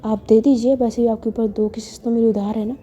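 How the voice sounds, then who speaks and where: A woman's voice: fairly high pitch, steady tone, brisk, dark tone, faint music behind, lightly acted. A woman voicing a teasing, stubborn young woman who coaxes and insists in a cheeky, playful way, in a read-aloud story.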